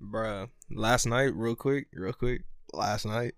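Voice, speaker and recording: A man's voice: on the low side, takes it slowly, no room sound, clean studio sound. A young man co-hosting a podcast, laid-back and slangy, swearing freely in casual chat. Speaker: podcast co-host.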